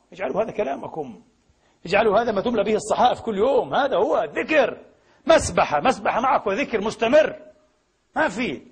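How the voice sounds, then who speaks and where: A man delivers a Friday sermon in a mosque, talking fast and with lots of energy. His voice sits high and has a husky grain, and he slips into short acted exchanges with a laugh in his voice. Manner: animated, acts out dialogues, laughs while preaching. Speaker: preacher.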